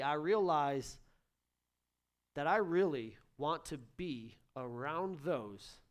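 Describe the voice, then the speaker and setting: High-voiced energetic male pastor preaching. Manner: energetic, swings between loud urgency and soft hushed lines. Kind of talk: sermon.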